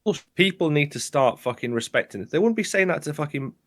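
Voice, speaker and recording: A man, a wrestler co-hosting a podcast, ranting in a heated, sweary, animated way in casual chat. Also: on the high side, fast.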